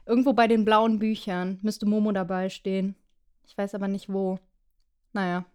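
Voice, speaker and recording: Eine junge Frau, die als Co-Host in einem lockeren Podcast laut und direkt plaudert und oft lacht. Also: female voice, medium pitch, flat delivery, moderate pace, smooth. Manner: loud, blunt, laughs often. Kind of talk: casual chat. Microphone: close podcast mic.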